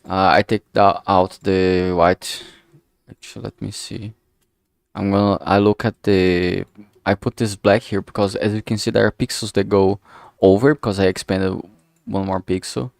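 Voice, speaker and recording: On a livestream, a man casually walks through his digital drawing for a visual novel, murmuring each step as he works. His low, creaky voice keeps a fairly even intonation at a normal speed, and the studio recording is clean with no echo.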